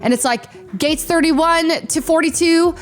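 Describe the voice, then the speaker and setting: A young woman streamer casually telling a story, acting out her own lines with sudden high-pitched bursts. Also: unhurried.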